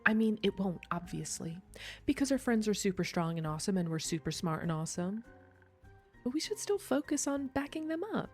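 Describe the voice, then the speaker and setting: A woman's voice: medium pitch, animated, brisk, faint music behind, natural voice. Woman playing a bubbly, boastful detective. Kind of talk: visual novel dialogue read aloud.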